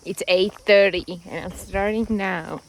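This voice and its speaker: Heavy background noise surrounds this young female travel vlogger, whose medium-pitched voice stays fairly even and unhurried. Occasionally winded, she narrates her mountain hike and chats with people she encounters on the trail and at a guest house, chatty and self-amused throughout.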